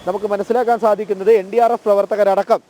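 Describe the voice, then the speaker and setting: A man reporting live from the field for a TV news channel, his voice pitched high for a man but mellow and soft in tone. He talks in halting phrases, often pausing on long filler sounds before going on, and sounds like a reporter explaining the scene without a script. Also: little pitch movement. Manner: hesitant, many drawn-out filler sounds.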